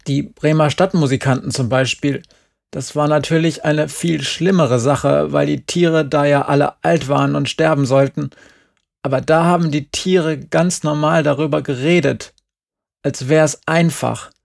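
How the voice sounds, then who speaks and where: A man reading a novel aloud in calm, subdued narration. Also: a little high, a little slow, gravelly. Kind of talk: scripted audiobook narration.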